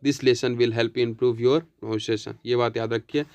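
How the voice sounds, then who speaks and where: A man teaching pronunciation, who addresses viewers as friends and reads English sentences slowly, word by word. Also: mid-range voice, steady tone, darkish tone, no room sound. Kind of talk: spoken pronunciation lesson.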